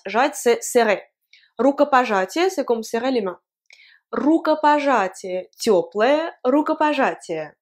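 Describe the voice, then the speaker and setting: A woman whose first language is Russian gives a language lesson in French. Her voice sits slightly high, and she moves at an unhurried pace, repeating each example word with patient care. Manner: slow, careful repetition of example words.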